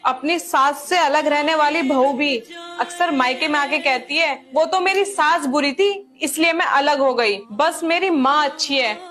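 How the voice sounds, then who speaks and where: A woman playing a sharp-tongued daughter-in-law who answers back coolly in a family comedy skit. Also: sits high, measured pace. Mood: mocking.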